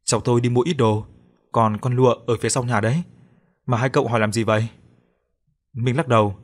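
A casual young man asks quick questions and dodges with evasive answers as a man reads him. His pitch is middling. It is a plain storybook voice. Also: steady tone, close to an everyday voice.

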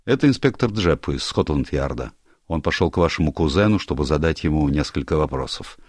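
A man voicing a stiff, old-fashioned gentleman captain in an audiobook, prim and hesitant. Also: rumbling low, expressive, a little fast, slightly rough, no room sound, studio quality, exaggerated voice. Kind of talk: audiobook character voice.

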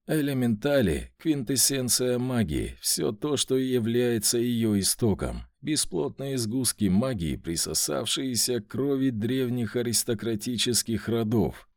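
A man narrating a fantasy audiobook in an expressive, dramatic storytelling manner. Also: medium pitch, no room sound, clean studio sound.

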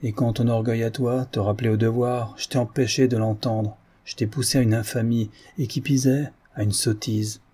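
A man's voice: medium pitch, fairly even intonation, moderate pace, hardly any pauses, dark tone, breathy edge, close to an everyday voice. A man voicing a proud, earnest man who passionately urges his cousin to reclaim his honor. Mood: fervent. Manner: fervent, impassioned pleading. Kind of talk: audiobook character reading.

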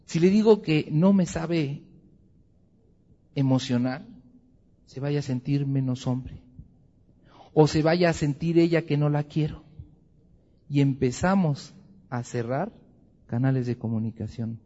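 A man's voice: on the high side, unhurried, pauses often. A man teaching a Bible class with humor, acting out little scenes. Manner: humorous, lively, acts out scenes. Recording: dull lo-fi recording in a reverberant hall.

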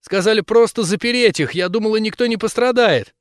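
A man voicing a frightened young woman hacker who pleads in a rapid, tearful way. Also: high voice, no echo, studio quality, voice pushed up, close to an everyday voice. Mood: frantic.

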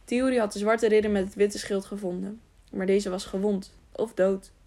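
A woman reading an audiobook aloud, with a gravelly, creaky texture in her voice. She stumbles over words now and then and goes back to correct them. Her pitch sits in the middle for a woman. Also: steady tone, moderate pace, dark tone. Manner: frequent slips and self-corrections. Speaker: audiobook reader. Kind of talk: scripted narration.

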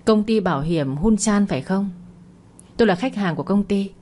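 A woman's voice: mid-range voice, lively intonation, normal speed, dark tone, natural voice. A woman voicing a scheming, greedy middle-aged husband who blusters and gets defensive, in a storybook narration. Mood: businesslike.

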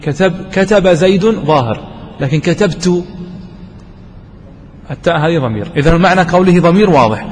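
A man's voice: on the high side, expressive. Man teaching grammar in an echoing hall. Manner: asks students questions and answers them himself; slows to stress key terms. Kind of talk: classroom lesson. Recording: distant voice with long reverb and faint noise.

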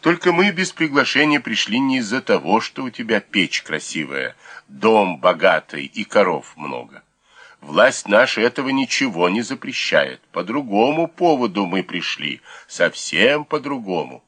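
A self-assured officer, as a male narrator reads him teases his hosts in a calm, cheerful way. The voice is low and bright, with a lively, swinging pitch. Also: a little slow, full character voice. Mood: mocking. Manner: cheerful, calmly mocking. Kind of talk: audiobook character voice.

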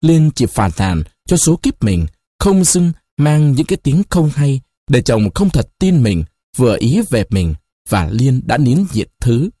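A man narrating a novel as an audiobook, in an expressive storytelling manner. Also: medium pitch, measured pace, hardly any pauses, no room sound, studio quality.

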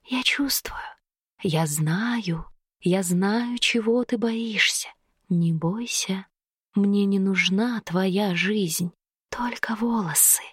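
A fish-tailed river creature coaxes her prey in a low, hushed, drawn-out whisper, as a woman narrator puts her on. Her sweetness hides a greedy hunger. The voice sits well below the narrator's own and stays close and dry. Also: husky, dry recording. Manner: whispery, slow, coaxing. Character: seductive female river creature, half fish, sly and hungry.

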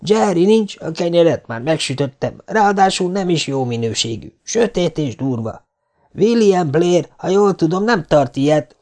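A man's voice: on the high side, very animated, darkish tone, voice pushed up. A man voicing a scolding thrifty spinster. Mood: exasperated. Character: stern, thrifty middle-aged spinster woman.

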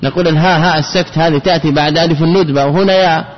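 Rapid-fire and with fairly even intonation, a man whose voice sits on the high side and is slightly raised teaches an Arabic grammar lesson in a classroom. Rhetorical questions and repeated key phrases run through his delivery. The sound is dull, lo-fi, and echoes long, like a hall.

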